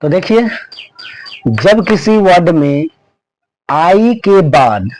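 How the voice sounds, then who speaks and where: A man teaching English pronunciation rules, repeating each rule and word slowly. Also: high voice, big pitch swings, a little mellow, low-quality recording. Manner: slow, repeats rules and words over and over. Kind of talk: pronunciation lesson.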